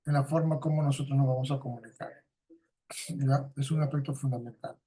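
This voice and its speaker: A man lectures a class in a brisk, warm, mid-range voice with a steady tone. He explains things through everyday examples, repeats his points, and ends nearly every sentence with a questioning "no?"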